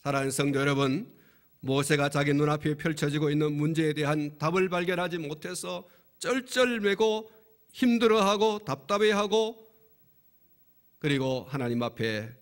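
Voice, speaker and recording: A man's voice: fairly high pitch, moderate pace. A male pastor preaching a sermon, passionately acting out the prayers of a biblical leader. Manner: impassioned, acting out Moses' pleas in quoted prayers.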